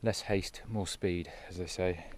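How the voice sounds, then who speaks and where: A hiking vlogger with a low voice films himself descending a steep mountain trail outdoors, out of breath and chatting casually in loose, informal commentary. His intonation is fairly even and his pace measured, with slight background noise.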